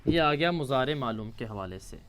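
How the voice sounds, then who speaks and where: A man teaching a grammar lesson, slowly reciting verb forms and asking and answering his own questions. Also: medium pitch, lively intonation, fairly bright tone, a little hiss or hum. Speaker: teacher of Arabic morphology.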